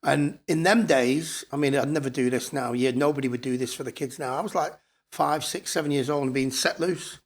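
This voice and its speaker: A man in his fifties, born in Scotland and raised in Blackpool in northern England, speaks with a northern English accent. As a podcast guest he reminisces candidly and casually in a colloquial storytelling style, his mid-range voice moving a little fast.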